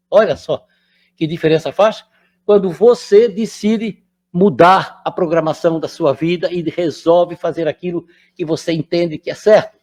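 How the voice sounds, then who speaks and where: Speaking in a relaxed, conversational way, an older man lectures at a spiritist center in a noticeably high voice. He repeatedly turns to the audience to make sure they're following along.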